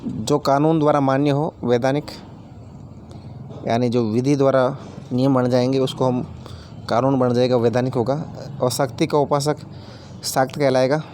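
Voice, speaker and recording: A man's voice: mid-range voice, flat delivery, moderate pace, long pauses, a little mellow, a little hiss or hum. A man teaching a grammar lesson, explaining each word with everyday examples and repeating key terms, addressing viewers as friends.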